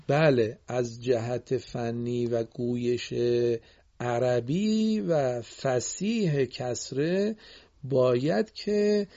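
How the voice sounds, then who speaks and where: Mellow-voiced man teaching Quran recitation. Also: on the high side, dull audio. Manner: praises pupils often, corrects pronunciation gently. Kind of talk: patient classroom instruction.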